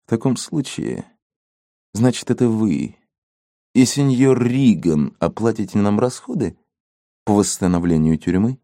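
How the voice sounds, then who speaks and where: A man's voice: fairly low pitch, lively intonation, measured pace, long pauses, mellow, no echo, studio quality. A man voicing a pompous, hot-tempered male police chief in a storybook reading. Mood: sarcastic. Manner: indignant, blustering.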